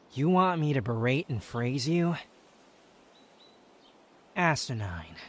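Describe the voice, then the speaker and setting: A man's voice: fairly high pitch, a little hiss or hum. A man playing a proud, prickly young wanderer who hides his affection, curt and scornful, in a scripted ASMR roleplay spoken to the listener. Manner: haughty, curt, scornful, defensive.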